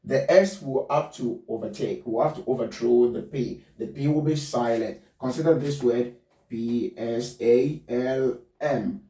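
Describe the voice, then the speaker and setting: A man teaching a pronunciation lesson, spelling words out letter by letter and repeating each one slowly. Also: mid-range voice, warm tone. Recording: roomy, distant mic.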